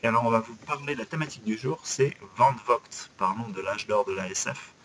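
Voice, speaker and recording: A man, co-hosting a casual podcast chat with a relaxed, chatty manner and frequent hesitations. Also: mid-range voice, a little fast, noisy background. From France, Paris. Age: 40s. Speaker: podcast co-host.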